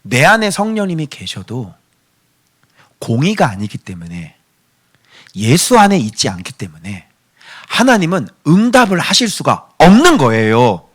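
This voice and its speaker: A man's voice: on the high side, huge pitch swings, unhurried. A male pastor preaching a sermon in a playful, theatrical way, quizzing his congregation.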